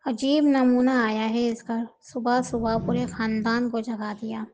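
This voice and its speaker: A woman reading the part of a sharp-tongued household woman who sneers angrily. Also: on the high side, little pitch movement, a little slow, lightly acted. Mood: irritated. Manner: angry, sneering remarks.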